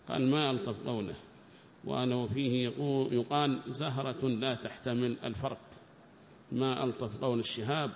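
A man explaining a scripture passage in a measured lesson, repeating his points for emphasis. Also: mid-range voice, in a large hall, slight background noise. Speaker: teacher of Quran commentary.

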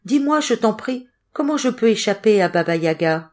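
A woman voicing a small frightened girl in a storybook, speaking softly and pleadingly. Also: mid-range voice, expressive, normal speed, voice pushed up, close to an everyday voice. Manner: soft, pleading.

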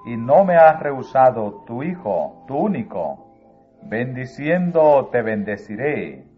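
God swears a grave, majestic blessing in slow, deliberate phrases, as read by a man. The voice keeps a plain middle pitch. The sound is thin and phone-like, with faint music beneath it.

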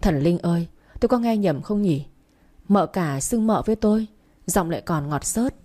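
A woman narrating a first-person story as an audiobook, in a steady, even manner. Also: on the low side, normal speed.

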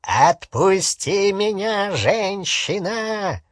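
A savage werewolf man, voiced by a male reader, growling his words slowly and hoarsely. Brutish, threatening and rough in grain. An audiobook performance. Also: sits high, sing-song, no echo, clean studio sound, voice pushed up, heavily acted. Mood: snarling.

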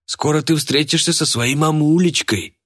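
A man's voice: fairly high pitch, normal speed, a bit bright, no room sound, studio quality, voice pushed up. A man voicing a fat, smug male thug who taunts in a mock-friendly way.

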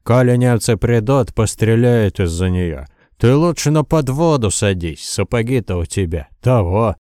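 A man voicing a gruff, blunt old village man with a big beard, in a war audiobook. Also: fairly low pitch, animated, unhurried, mellow, no echo, clean studio sound, voice pushed up.

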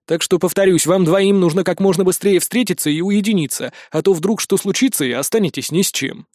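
A brash, laid-back gamer friend, read by a male narrator in an audiobook. He lectures bluntly, full of slang, in a fairly high voice. The sound is close and dry. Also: fairly quick, a little mellow, no room sound, lightly acted. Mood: lecturing.

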